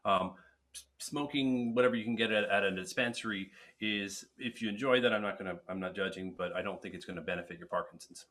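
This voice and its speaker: This fairly low, fairly bright male voice moves quickly through a casual webinar Q&A about speech and swallowing. He answers viewers bluntly, offering advice and restarting often.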